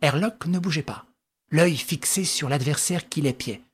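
A woman reading a classic adventure novel aloud as scripted narration, telling it dramatically with lively rises. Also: low-pitched, normal speed, husky. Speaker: audiobook reader.

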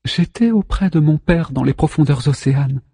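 A man voicing a grieving sea goddess mother who speaks softly, consoling and lamenting her son. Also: fairly high pitch, animated, normal speed, vocal fry, husky, no echo, studio quality, long reverb tail, heavily acted. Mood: tender.

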